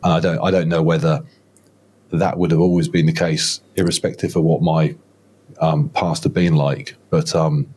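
This guest, a man near fifty, has a bass voice with a level, darkish tone and a breathy edge, speaking at normal speed. His story comes out meandering and self-deprecating, full of restarts, during a casual podcast chat. He's on a video call from a home studio, close-miked with headphones on.

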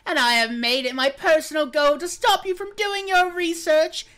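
A woman's voice: sits high, steady tone, normal speed, a bit bright, pitched above the performer's own voice. A woman voicing a pompous, theatrical ghostly guardian villain in a game, speaking in a grandiose, gloating manner.

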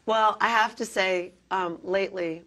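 A hoarse actress being interviewed, talking earnestly and animatedly, with frequent ums as she tells her stories. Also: mid-range voice, steady tone, unhurried, fairly bright tone. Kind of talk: casual interview talk.

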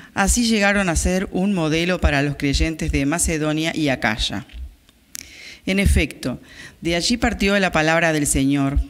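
A woman reads a scripture passage at Mass in a steady, careful way at a lectern microphone in a small chapel. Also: low-pitched. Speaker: lay reader at Mass. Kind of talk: liturgical scripture reading. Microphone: gooseneck microphone on the lectern. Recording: reverberant chapel sound.

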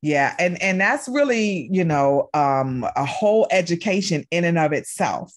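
A woman's voice: on the low side, lively intonation, measured pace. A woman hosting a talk show, interviewing a guest and affirming her often. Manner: encouraging, frequent affirming mm-hmms.

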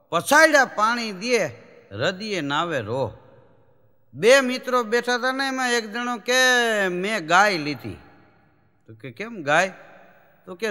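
A man's voice: high-pitched, big-room sound. A man telling comic folk stories on stage, acting out the characters' lines. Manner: animated, acts out characters' lines in changing voices. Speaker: stand-up comedian. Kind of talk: live Gujarati folk comedy storytelling.

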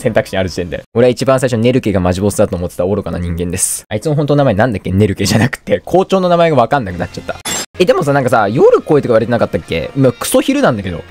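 A man giving joking, chatty commentary while playing a video game, often correcting himself. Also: mid-range voice. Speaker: let's play gamer. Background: faint game music.

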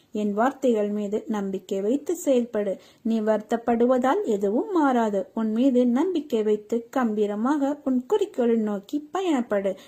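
A woman with a fairly high, dark voice reads a scripted devotional message slowly and soothingly, taking the role of a deity who comforts a devotee.

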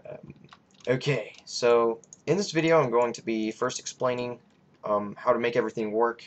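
A young man with a raspy voice hosting a casual coding tutorial, rambling and hesitant with many fillers. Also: mid-range voice, steady tone, moderate pace, lo-fi sound. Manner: rambling, hesitant, lots of ums. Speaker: scripting tutorial host.

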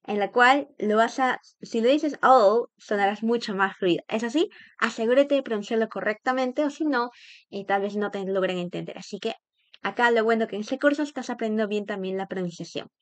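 A woman teaching English phrases in a bilingual lesson, repeating each phrase and warmly praising the learner. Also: a little high, brisk, no echo.

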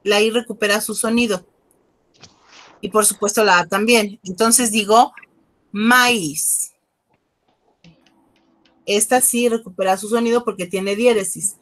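A woman's voice: mid-range voice, fairly even intonation, normal speed. Friendly teacher woman. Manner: friendly, coaxing, switches between Spanish and French. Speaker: French teacher. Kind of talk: online class teaching. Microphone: video call.

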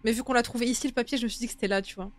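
A young woman with a slightly high voice comments live as she plays a horror game. She talks casually to her viewers, in informal language with some swearing. She speaks into a close microphone in a small room. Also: fairly even intonation, very fast. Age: young adult. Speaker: game streamer. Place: small indoor streaming room. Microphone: close desktop streaming microphone.

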